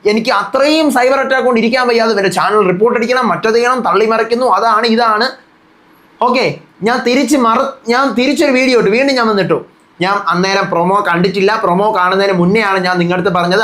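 A man's voice: high voice, a bit bright. Young man, show reviewer, heated casual talk, rhetorical questions, scolding tone. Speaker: YouTube reviewer of a reality show.

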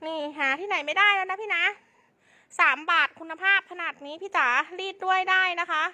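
Very high, bright woman hype-selling live. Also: a little fast. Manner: insistent, repetitive sales patter. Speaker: live-stream clothing seller.

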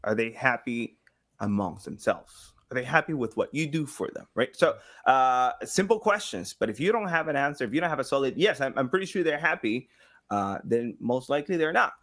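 Brisk and mid-range in pitch, a man in his thirties talks casually as an interview guest from inside his home. An engagement director and sound designer, he's expressive and likes to act out small imagined exchanges.

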